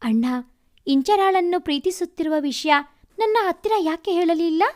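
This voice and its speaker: A woman's voice: very high-pitched, normal speed, a little mellow. A woman voicing a loyal younger sister who speaks plaintively to her brother.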